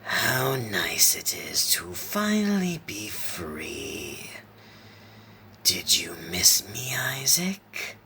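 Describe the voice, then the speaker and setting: A man voicing a sinister, cruel male clown in a horror story reading, speaking in a raspy, slow, mocking whisper. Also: fairly low pitch, very animated, sharp tone, slight background noise, full character voice. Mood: menacing.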